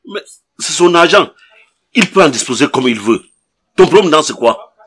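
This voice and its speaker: A man's voice: a little high, expressive, normal speed, a bit bright, husky. A man playing a firm older relative who admonishes the quarrelling siblings in a comedy sketch. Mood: stern. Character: stern older male relative mediating.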